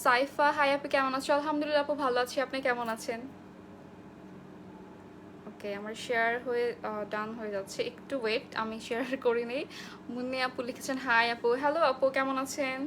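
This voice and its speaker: A woman's voice: sits high, a little fast, fairly bright tone, a little hiss or hum. A young woman from Bangladesh, a makeup artist, chatting through a live makeup tutorial, greeting viewers by name and mixing in English phrases.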